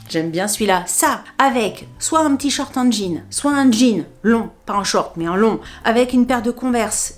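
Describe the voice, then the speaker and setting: A woman chatting casually through a clothing try-on haul, talking to herself and laughing often. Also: fairly high pitch. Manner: playful sound effects and filler words. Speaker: fashion haul vlogger.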